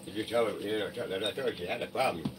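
A man's voice: lowish voice, very fast. A man talking in a rambling, placating way. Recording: distant mic with loud noise.

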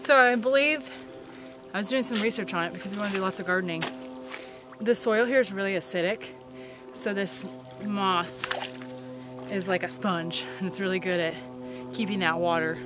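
A woman's voice: mid-range voice, moderate pace, long pauses, music in the background. A woman chatting casually on a woodland hike, explaining things as she thinks aloud. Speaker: vlogger. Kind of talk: casual outdoor vlog chat. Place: outdoors in the woods.

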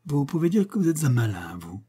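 Guy doing a young quick-change actor, lively, a bit higher, husky. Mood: curious. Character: young male actor, master of disguise.

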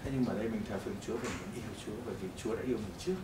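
Fast-talking male preacher in echoey hall. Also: lowish voice, a little hiss or hum. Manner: animated storytelling, swinging between loud and hushed. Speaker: preacher giving testimony. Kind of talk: testimony sermon. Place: church hall. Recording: echoey hall, mic at a distance.

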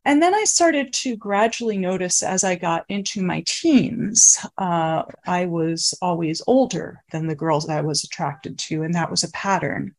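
A woman's voice: fairly low pitch, darkish tone. Woman with a distorted, disguised voice. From United States. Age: late 30s. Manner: halting, with restarts and fillers. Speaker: interviewee. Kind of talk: candid personal testimony.

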